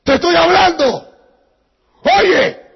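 A man's voice: very high-pitched, fairly even intonation, moderate pace, vocal fry, slightly rough, pitched above the performer's own voice, exaggerated voice. A man voicing a bewildered, remorseful drunk husband who speaks in a raised, pleading voice. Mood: alarmed shouting. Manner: raised, alarmed, then pleading. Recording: dull recording with long church reverb.

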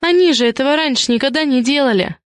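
A woman reading an audiobook and voicing a frightened, defensive young woman who squeaks and protests through tears. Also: lively intonation, normal speed, dry recording, studio quality. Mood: nervous.

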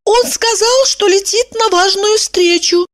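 A woman voicing an anxious, excitable young woman who talks in high, flustered exclamations. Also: measured pace. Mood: agitated.

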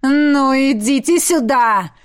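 A woman's voice: medium pitch, normal speed, darkish tone, dry recording, studio quality, lightly acted. A woman voicing a stern young male mage who barks curt orders. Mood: commanding.

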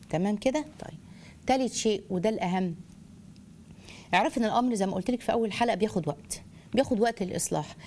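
A woman with an Egyptian Arabic accent giving a religious advice lecture to wives, animated, asking rhetorical questions and calling her listeners daughters. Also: mid-range voice, vocal fry, slight background noise. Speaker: Islamic family lecturer.

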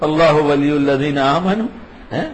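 An older man giving an informal religious talk, in a fairly high voice. He teaches in an emphatic, conversational way. He repeats key phrases over and over. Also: a little hiss or hum, rough recording. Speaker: religious speaker.

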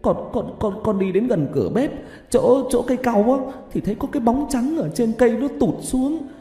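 A man voicing a frightened young sister-in-law who stammers in a high, panicked voice, recorded in an echoey room. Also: expressive, normal speed, mellow, faint music behind. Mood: terrified. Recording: echoey room with long reverb.

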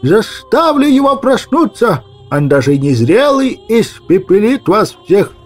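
Shrill, crazed old birdkeeper. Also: male voice, sing-song, soft background music, heavily acted. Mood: frantic. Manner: shrill, frantic shouting, drawn-out words. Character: manic ranting old male birdkeeper, crazed. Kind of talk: audiobook character voice.

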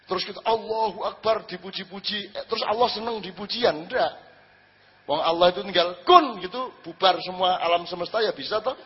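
A man's voice: high-pitched, breathy edge. A man preaching to an audience, conversational, asking rhetorical questions and acting out quoted speech. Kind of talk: religious talk to a live audience. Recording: lo-fi hall recording.

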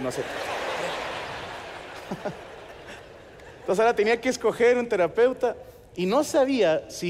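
A Mexican man doing a stand-up comedy set on a theater stage, with crude slang and quick acted-out voices. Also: very high-pitched, in a large hall, noisy background. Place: large theater stage, live audience.

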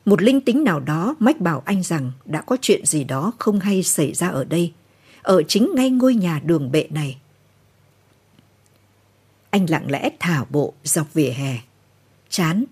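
A woman narrating a novel in a slow, somber late-night reading. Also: on the low side, a little mellow, husky.

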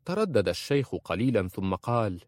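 A man narrating an audiobook in an expressive reading. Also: on the low side, normal speed, no echo.

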